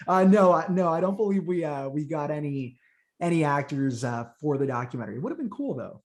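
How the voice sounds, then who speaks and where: As a guest in a casual interview, this young Titanic content creator from Honduras, whose first language is Spanish, talks with eager energy. He speaks slightly fast in a somewhat high voice with lively intonation, frequently repeating words as he starts a thought.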